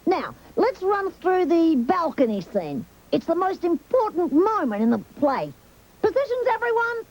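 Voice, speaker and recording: A woman's voice: extremely high pitch, sing-song, unhurried, a little mellow, roomy sound, far from the mic, full character voice, low-quality recording. A woman voicing a cheeky young male koala who eagerly bosses his friends around. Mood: bossy. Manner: eager, showy stage-director chatter. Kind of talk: animated cartoon voice acting.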